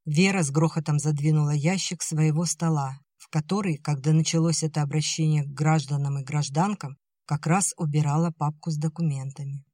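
A man reading a novel aloud in an even, measured storytelling voice. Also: on the high side, dry recording, clean studio sound. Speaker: audiobook reader. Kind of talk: scripted narration.

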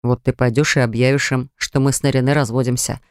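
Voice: medium pitch, steady tone, quick pace, smooth, no echo, studio quality, pitched below the performer's own voice, close to an everyday voice. A woman reader voicing a young husband who speaks curtly and sternly, in an audiobook story. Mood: cold, stern. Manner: curt, stern. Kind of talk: audiobook character voice.

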